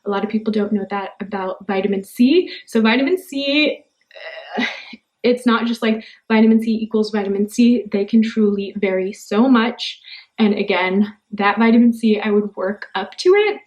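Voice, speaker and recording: A woman's voice: medium pitch, normal speed, darkish tone. A young adult woman esthetician, talking through her skincare routine in a chatty, talkative way. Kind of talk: casual skincare tutorial.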